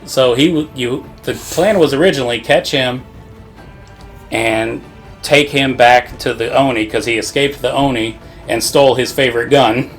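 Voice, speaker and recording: A man's voice: mid-range voice, moderate pace, soft background music. Brief: male podcast co-host, rambling and profane, laughs a lot. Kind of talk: casual game recap chat.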